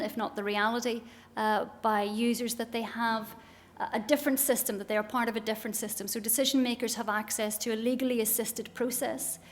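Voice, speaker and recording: Northern Irish woman presenting in a reverberant hall. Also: on the high side. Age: middle-aged. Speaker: presenter of research. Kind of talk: formal presentation. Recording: reverberant hall with faint noise.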